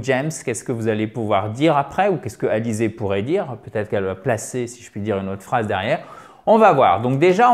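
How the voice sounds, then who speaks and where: A man teaching English phone phrases in a video lesson, lively, drilling the same phrases over and over slowly. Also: medium pitch.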